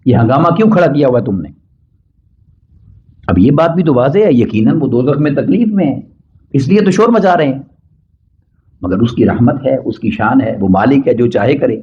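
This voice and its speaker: Middle-aged guy preaching a friday sermon, medium pitch voice, slow chanted bits then emphatic explaining, kinda muffled lo-fi sound. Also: very animated. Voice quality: recites Arabic hadith in slow measured chant, then explains in Urdu. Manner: rising emphatic pitch on key points. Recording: dull lo-fi sermon recording.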